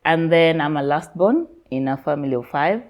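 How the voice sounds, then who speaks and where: A Kenyan woman in her thirties with a low, grounded voice tells her own story as an interview guest. She is candid and laughs easily. She drifts in and out of Swahili slang as she talks. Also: lively intonation, normal speed.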